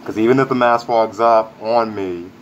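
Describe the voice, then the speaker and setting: A man talks through a face mask in a loose, upbeat vlog review, circling back to the same points. His voice sits a little low. The audio is dull and lo-fi, with a faint air conditioning hum behind him. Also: fairly even intonation, normal speed. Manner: rambling, upbeat, repeats himself. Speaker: product reviewer.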